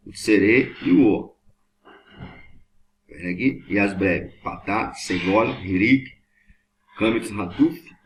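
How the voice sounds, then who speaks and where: Male teacher, lowish voice, patient and repetitive; faint room noise behind. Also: a bit bright. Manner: patient, repetitive, checks understanding often. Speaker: Hebrew teacher. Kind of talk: classroom lesson at a board.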